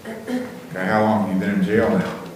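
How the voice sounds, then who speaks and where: Low-voiced male judge in echoey courtroom. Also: wildly swooping pitch, moderate pace, darkish tone. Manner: matter-of-fact, procedural. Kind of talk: formal court questioning. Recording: very echoey room, faint noise.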